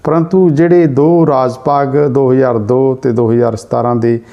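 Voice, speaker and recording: Dark-voiced man giving Punjabi news commentary. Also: medium pitch, fairly even intonation, gravelly, highs cut off. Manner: measured, rephrases points with several synonyms. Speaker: news presenter.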